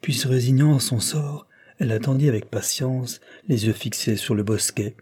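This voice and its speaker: Soft-toned man reading a novel aloud. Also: mid-range voice, normal speed, breathy edge. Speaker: audiobook narrator. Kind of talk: scripted narration.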